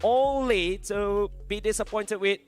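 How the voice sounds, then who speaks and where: A man's voice: sits high, unhurried, clean tone, faint music behind. A man giving live commentary and analysis on a football video game, emphatic and repeating phrases for effect. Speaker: esports match commentator.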